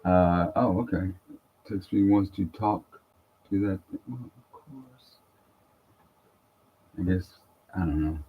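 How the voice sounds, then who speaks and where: A man streaming live as a trader, chatting offhand and thinking aloud while he tries out new software. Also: sits low, steady tone, a little slow, slightly rough. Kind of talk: casual live commentary. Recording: tinny phone-like sound.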